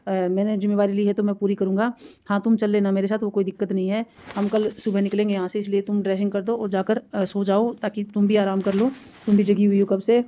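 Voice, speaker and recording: A lovesick, stubborn young man teases and insists, voiced by a woman retelling a serial. The lines come out quick and level, in a warm, mellow tone. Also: medium pitch, little pitch movement, close to an everyday voice. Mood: teasing. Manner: teasing, insistent.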